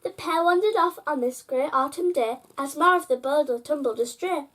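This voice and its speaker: A children's storyteller with a high voice reads a bedtime picture book aloud at a normal speed. She's expressive and sing-song, riding the rhymes, and she speaks straight to the young listeners.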